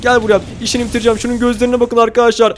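A man hosting a gaming video, giving excitable commentary and constantly addressing his viewers. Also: extremely high pitch, very fast, a little hiss or hum. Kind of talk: game commentary role-play.

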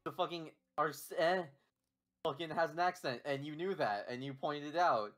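A stubborn friend who will not back down in a playful argument. They tease and swear constantly, and their voice sits at an ordinary pitch. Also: normal speed, a bit bright. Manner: stubborn, teasing, swears often. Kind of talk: casual argument between friends.

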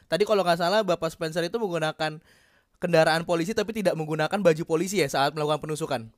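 A man in a game news roleplay asks quick, probing questions in a fairly high voice. He keeps the interview moving and laughs readily between questions. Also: no echo, studio quality.

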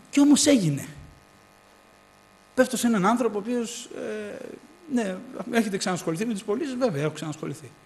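A man preaching a sermon, telling a personal story with acted dialogue and building to loud exhortation. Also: sits high, animated, long pauses.

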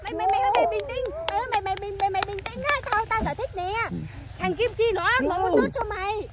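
Woman talking super fast n high, keeps begging someone to calm down. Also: heavy background noise. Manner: rapid pleading, repeating herself to calm someone. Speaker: comedy team member. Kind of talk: excited group banter.

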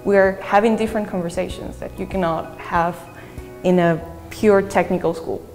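A young woman, a graduate student speaking earnestly in a measured way with thoughtful pauses in an interview testimonial. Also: fairly low pitch, fairly even intonation, darkish tone. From Peru. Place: bright indoor university hallway with large windows. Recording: long reverb with faint music behind.

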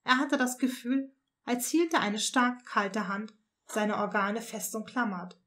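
A woman narrating a fanfiction audiobook with expressive storytelling. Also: fairly high pitch, slow. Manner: expressive storytelling, voicing each figure. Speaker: audiobook reader.

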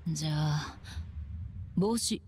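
A blunt, cool young anime heroine. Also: female voice, sits low, slow pace, very noisy. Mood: irritated, flat. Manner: blunt, unimpressed. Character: brusque, cool young woman leader. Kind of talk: anime game voice acting.

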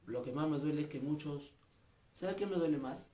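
A man's voice: on the high side, normal speed, warm tone, reverberant, a little hiss or hum. A man, a street comedian, making an earnest, aggrieved personal statement, repeating his points. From Peru.

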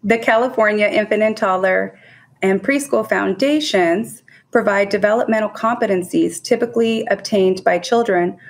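A woman presenting at an education conference, reading from a script in a measured way and listing items one by one. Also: medium pitch, gravelly. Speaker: child development center presenter.

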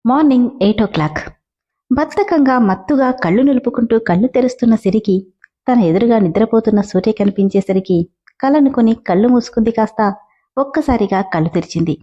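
Mellow woman narrating a story. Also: on the high side, a little fast, muffled recording. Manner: steady, gentle reading with direct appeals. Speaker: story narrator, channel host.

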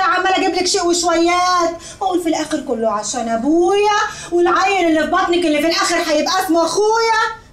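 Defiant Egyptian daughter, very high pitch, sharp sarcastic bite, echoey with music behind. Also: female voice, a little hiss or hum. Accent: Egyptian Arabic. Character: defiant grown daughter furious at her family.

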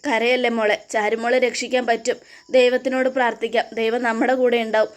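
A bitter older woman from a TV serial rails that the gods never helped, as a woman acts her out. She speaks high and scolding. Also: little pitch movement, a little fast, close to an everyday voice.

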